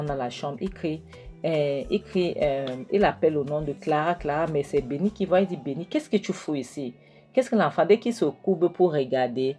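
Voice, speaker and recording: A woman's voice: sits low, darkish tone. A woman narrating a film recap in a casual, hesitant way, with many restarts.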